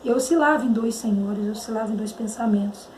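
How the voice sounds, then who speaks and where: A woman's voice: fairly high pitch, fast, darkish tone. A Brazilian woman giving a personal religious testimony, hesitant and searching for words. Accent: Brazilian Portuguese. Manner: hesitant, searching for words, sings hymn lines. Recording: echoey room with faint noise.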